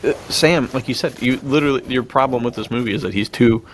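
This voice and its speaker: Speaking fast in a mid-range voice, with a little hiss or hum in the audio, the man co-hosts a podcast. His film talk is laid-back and full of slang, with easy laughter and chatty plot retellings.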